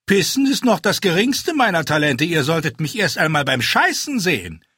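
Man reads cheeky dwarf, high and loud, crude sardonic wit, audiobook. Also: very animated, normal speed, slightly rough, dry recording, clean studio sound, full character voice. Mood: mocking. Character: sharp-tongued mocking dwarf man.

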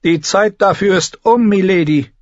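A man's voice: high-pitched, normal speed, no echo, voice pushed up, close to an everyday voice. A man voicing a proud older female healer-sorceress in a storybook reading, speaking coolly and ominously. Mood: cool, knowing. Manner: cool, knowing, ominous. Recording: slightly dull recording.

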